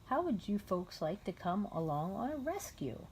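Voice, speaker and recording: A woman's voice: mid-range voice, very animated, normal speed, a little mellow. A jovial fire chief from a picture book, read out by a woman, hearty and reassuring and used to giving orders. There is faint noise behind the voice. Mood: friendly.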